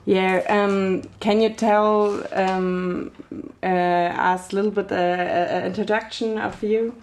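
A woman co-hosting a community radio show, her voice at a middle pitch. She speaks in halting phrases, searching for her words as she welcomes a guest. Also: flat delivery. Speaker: radio co-host.

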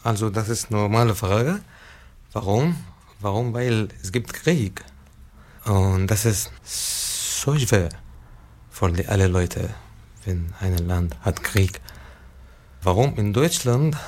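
Interviewee, man, 30s, from Syria, arabic native, very low voice, slow deliberate delivery, halting speech. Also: darkish tone. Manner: halting, simple German with pauses. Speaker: interviewee, musician. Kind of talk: casual interview.

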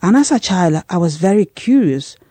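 Interpreter: woman, mellow tone, dry close sound, measured and gently expressive. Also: on the low side, no echo. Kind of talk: voice-over translation.

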